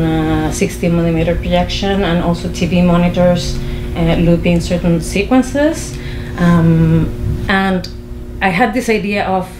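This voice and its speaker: A woman from Chile, a filmmaker, giving a halting introduction to her lecture performance with many fillers and restarts. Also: lowish voice. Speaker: filmmaker and guest artist. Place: small film venue. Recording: echoey room with noise.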